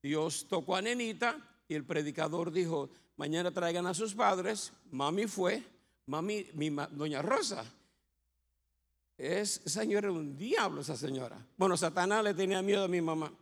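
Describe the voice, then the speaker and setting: A pastor with a Puerto Rican accent tells his own life story from the pulpit, joking and acting out the people in it. His voice sits high and carries a gravelly edge. It rings out with a long reverb through a church sanctuary. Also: animated, moderate pace. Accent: Puerto Rican Spanish. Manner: humorous storytelling with acted quotes. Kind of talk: testimony sermon.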